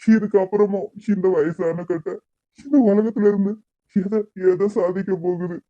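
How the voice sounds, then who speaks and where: A woman's voice: medium pitch, steady tone, moderate pace, dark tone, highs cut off, close to an everyday voice. A woman voicing a grieving old grandfather in a cartoon, with a Kanyakumari Tamil accent, sorrowful and reproachful. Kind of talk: cartoon voice acting.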